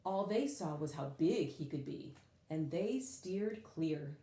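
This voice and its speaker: Her deep voice carries through a reverberant space as a woman reads a children's picture book aloud. She's expressive and dramatic, giving key words long, leaning emphasis.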